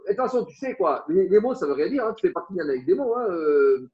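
High-voiced man teaching a Talmud class. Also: fast talker. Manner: animated explaining, rhetorical questions, Aramaic terms in his French. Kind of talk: Talmud class lecture to students. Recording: roomy, dull lo-fi class recording.

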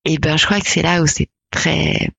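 A woman in her forties from France, a podcast guest talking reflectively and hesitantly about her life, with many pauses and fillers. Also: deep voice, steady tone, gravelly, fairly bright tone, husky. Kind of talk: personal interview conversation.

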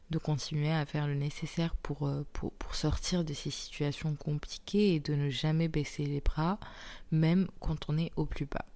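A young adult woman hosts an intimate solo podcast while suffering from tonsillitis. Her voice sits low, and she speaks softly through a very sore throat, often drifting into a breathy near-whisper.

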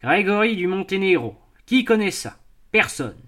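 A man's voice: fairly high pitch, moderate pace, lightly acted. A man voicing a scornful, mocking army officer in a storybook reading. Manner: mocking, dismissive.

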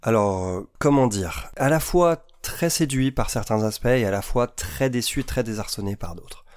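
A man co-hosting a music show gives his views slowly and carefully. He often pauses and fills gaps while he searches for the right word, and his voice sits at a middle pitch. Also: a little mellow. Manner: thoughtful, searching for words with many fillers. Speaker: co-host. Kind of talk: casual chat on a music show.

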